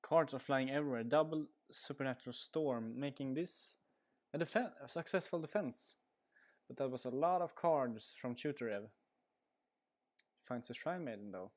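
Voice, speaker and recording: Casual live commentary on a card game stream comes from a Swedish-accented man speaking into a headset. His voice sits mid-range at a normal speed, and he wanders along with plenty of fillers.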